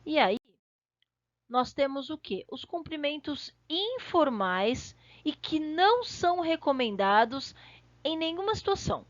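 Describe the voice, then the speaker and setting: A woman with a Brazilian Portuguese accent teaching Spanish, repeating example phrases slowly and checking in with her class. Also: high voice, very animated, no room sound, dull audio. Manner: slow, deliberate, repeats example phrases for pronunciation, checks in often. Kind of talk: online language lesson.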